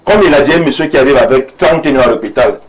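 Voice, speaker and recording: A man's voice: mid-range voice, quick pace, poor audio. A man, an imam speaking earnestly and preachily in a studio debate, repeating phrases for emphasis. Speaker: imam, panel guest.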